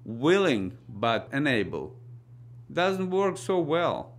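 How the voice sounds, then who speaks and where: A middle-aged man with a Russian accent presenting scripted news commentary in a deliberate reading manner. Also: on the high side, big pitch swings.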